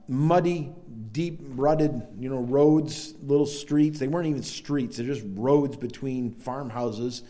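An American man preaching a conversational sermon, telling stories with animated peaks and frequent restarts. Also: mid-range voice. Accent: American English. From United States. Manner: storytelling with rising animated peaks, self-repeating restarts.

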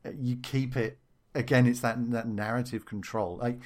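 A man's voice: medium pitch, steady tone, moderate pace. A man talking casually about the game he designs, with many fillers and restarts. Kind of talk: casual interview chat.

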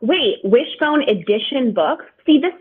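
Animated thirties woman on a tinny line. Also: high voice, measured pace, husky. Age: 30s. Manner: animated, self-deprecating. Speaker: podcast guest. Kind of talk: casual podcast chat.

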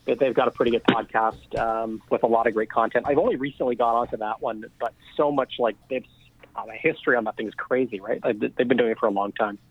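A male podcast guest who invests in real estate talks fast in a mid-range voice with a steady tone, rambling casually and often restarting or filling pauses. His tinny phone line carries a little hiss or hum.

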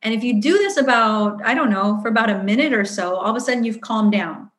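A woman's voice: fairly high pitch, a little fast, fairly bright tone. A woman answering interview questions in a chatty way, with many fillers, acting out her own inner voice. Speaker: guest. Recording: roomy echo.

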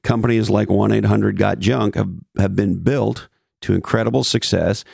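A man's voice: lowish voice, fairly even intonation, normal speed, creaky, darkish tone, husky, dry recording, clean studio sound. A man presenting scripted business commentary as a podcast host, with emphatic repetition and wry asides.

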